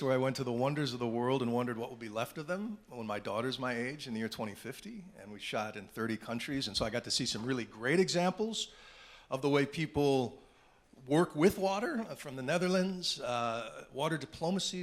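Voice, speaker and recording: Middle-aged male journalist, panel speaker, animated anecdotal delivery, medium pitch. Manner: animated anecdotal storytelling with asides. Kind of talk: storytelling at a panel talk.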